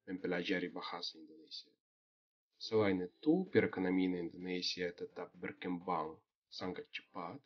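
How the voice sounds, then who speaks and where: Deep, husky foreign-accented male Indonesian learner. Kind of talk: prepared testimonial. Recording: slightly dull, lo-fi audio.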